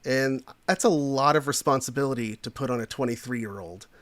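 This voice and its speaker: A man's voice: medium pitch, fairly quick, fairly bright tone. A man in his late thirties, a podcast guest, telling a personal story in a rambling, casual way full of fillers. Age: 30s.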